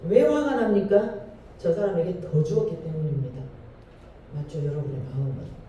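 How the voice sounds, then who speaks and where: A male pastor preaches in a church hall, heard from a distance with heavy echo. His voice is very dark and mellow, and he drives his points home with emphatic rhetorical questions to the congregation. A faint hum of noise sits underneath. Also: sits high. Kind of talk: sermon. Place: church sanctuary. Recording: echoey hall from far off.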